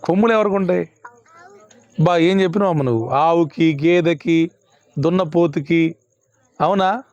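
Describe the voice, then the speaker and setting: A man's voice: fairly high pitch, normal speed, darkish tone, no room sound. A male pastor preaching a sermon, emphatic and repeating his questions to the congregation. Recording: dull lo-fi, dry sound.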